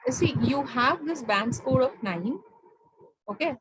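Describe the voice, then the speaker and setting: A woman's voice: sits high, lively intonation, extremely slow, a little hiss or hum, low-quality recording. A woman with an Indian accent tutoring over a video call, mixing Hindi and English and often checking that her student has understood. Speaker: IELTS speaking tutor.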